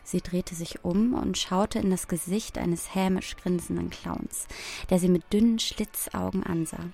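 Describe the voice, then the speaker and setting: Calm woman reading a fairy-tale story. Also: on the low side, unhurried, gravelly, soft background music. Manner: calm, descriptive. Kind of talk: scripted story narration.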